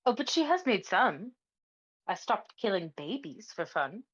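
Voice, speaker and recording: A woman voicing a sarcastic, flirtatious evil female spirit in a tabletop game, speaking slowly and teasingly over dull audio. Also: medium pitch, very animated, slightly rough. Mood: smug. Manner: teasing, smug, seductive.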